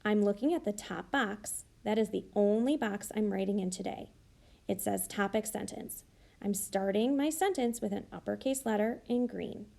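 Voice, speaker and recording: A woman teacher slowly modeling how to write sentences for young children, thinking aloud and sounding out each word. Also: medium pitch, creaky, dark tone. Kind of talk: slow modeled writing demonstration.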